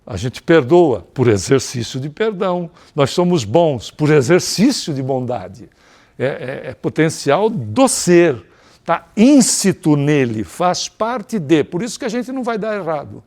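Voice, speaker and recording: A man lecturing at a spiritist gathering, his voice sitting a little higher than most men's. He speaks conversationally, asking his listeners rhetorical questions and tagging his points with quick checks for agreement. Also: very animated, darkish tone.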